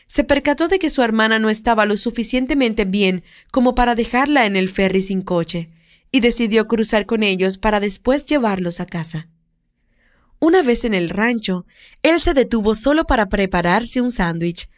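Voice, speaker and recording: Casting: audiobook narrator, woman, expressive and steady, slightly high pitch. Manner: expressive storytelling read. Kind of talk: scripted narration.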